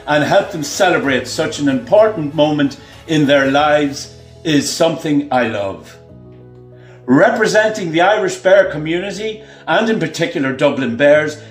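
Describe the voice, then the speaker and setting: A man in his sixties giving a formal, measured self-introduction as a contest candidate. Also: on the high side. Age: 60s. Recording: echoey room.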